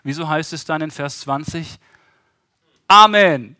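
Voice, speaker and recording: A man's voice: mid-range voice, lively intonation, unhurried, a bit bright, no room sound. A man preaching an interactive sermon, often asking the congregation questions and acting out the voices he quotes.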